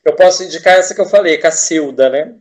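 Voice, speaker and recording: A Brazilian man talks as a guest on a casual interview podcast, with a voice pitched a little high. He speaks with eager enthusiasm, rambling, restarting words and tossing in tag questions as he goes. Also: quick pace. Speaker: teacher and artist, podcast guest.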